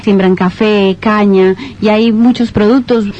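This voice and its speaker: A woman's voice: medium pitch, fairly even intonation, a little slow, a little mellow. A woman, a radio guest explaining her country and listing foods one by one. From Colombia. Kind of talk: radio interview. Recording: dull lo-fi radio sound.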